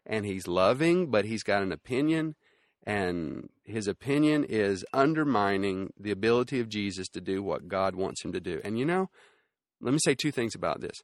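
A man delivers a sermon in a relaxed, conversational way, repeating key phrases for emphasis and pausing on fillers as he thinks. His voice sits fairly low, and the recording is dry and close. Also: no room sound. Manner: conversational teaching with frequent fillers and restarts; emphatic repetition. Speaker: preacher.

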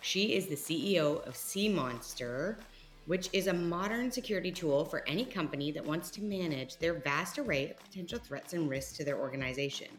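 A Canadian woman in her thirties hosts a podcast with a low-pitched, expressive voice, talking a little fast. She's upbeat and enthusiastic in this hosting and interview chat, with light music playing behind her.

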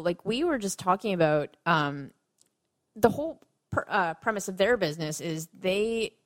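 A woman hosts the interview with a somewhat low voice for a woman. She asks her questions in a friendly, conversational manner. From Canada. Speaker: podcast host. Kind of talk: casual interview talk.

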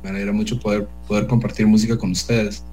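Man, low voice, monotone, hesitant radio guest, faint music behind. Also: fast talker, a little hiss or hum, poor audio. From El Salvador. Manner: hesitant, full of "eh" and restarts. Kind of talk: casual radio interview.

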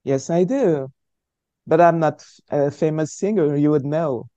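Middle-aged woman guest, stammering restarts, warm low-key tone, muffled lo-fi line. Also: unhurried, no room sound. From Cameroon. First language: French. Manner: hesitant, searching for words, frequent stammered restarts. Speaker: author guest. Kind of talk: conversational interview answers.

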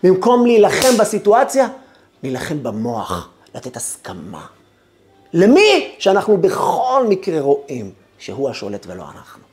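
A man giving a rabbi's lecture, emphatic and expressive, with rhetorical questions and storytelling. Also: fairly high pitch.

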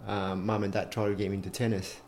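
A man from Chile in his forties answers interview questions in a relaxed, chatty way. His voice sits on the low side. A faint background hum runs under his talk as he sits at home. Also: quick pace. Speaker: interview guest, former player and coach.

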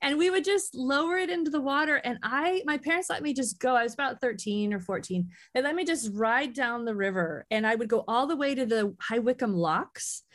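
A woman's voice: high voice, a little fast, hardly any pauses. An American woman telling personal stories as a podcast guest in a casual, effusive way. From United States. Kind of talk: casual, chatty personal storytelling.

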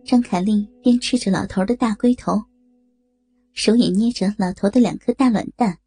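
Woman narrating, soft dark husky voice. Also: mid-range voice, moderate pace, no room sound, soft background music. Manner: steady storytelling. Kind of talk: scripted story narration.

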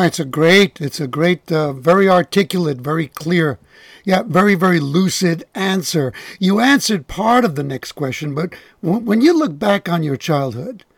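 Gravelly male interviewer, dry sound. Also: on the high side, animated, measured pace, no echo. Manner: hesitant, restarting phrases. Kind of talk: interview questions.

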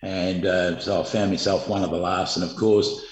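A man's voice: sits low, level tone, moderate pace. A middle-aged Australian man, a former footballer, telling stories in an interview in a rambling, laid-back way with lots of fillers. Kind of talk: storytelling interview. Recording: echoey room.

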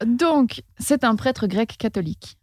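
A woman's voice: a little high, animated, measured pace, darkish tone, no room sound, studio quality. A woman hosting a casual comic storytelling chat, talking loosely with slang and laughing as she goes. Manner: chatty, laughs while telling, slangy. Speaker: storyteller host.

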